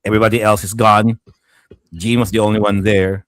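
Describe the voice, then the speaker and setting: A man with a lowish voice talks through a movie scene by scene on a casual podcast panel. He gets animated, acting out the characters and dropping the odd swear word. The sound is dry and close, with no room around it. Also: fairly quick, no room sound. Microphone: video call mic.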